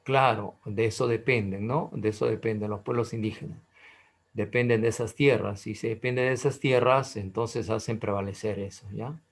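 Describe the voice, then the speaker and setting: A man's voice: fairly low pitch, fairly even intonation, normal speed, vocal fry, rough recording. A middle-aged man teaching an online class in a chatty, questioning way, often repeating his key points.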